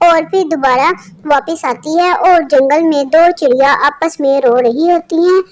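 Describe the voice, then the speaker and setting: A storyteller narrating a cartoon story in a plain retelling voice, restarting sentences now and then. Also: sits high.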